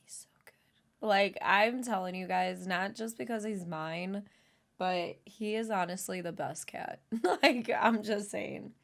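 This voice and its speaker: A woman giving casual, easily spooked reaction commentary as a horror game streamer, with a creaky voice. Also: mid-range voice, slow, a bit bright.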